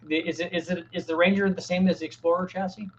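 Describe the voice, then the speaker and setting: A man's voice: sits high, flat delivery, fast, dull audio, a little hiss or hum. A middle-aged man hosting a casual live Q&A, answering viewers' technical questions in a plain-spoken way, often restarting his sentences. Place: home workshop with a fan running.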